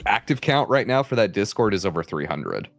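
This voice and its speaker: A man with a lowish voice that swings widely as he talks. He chats casually to a livestream, swearing freely and teasing playfully. Music plays behind him. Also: big pitch swings, fairly quick, creaky, dry recording. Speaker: guest VTuber on a livestream.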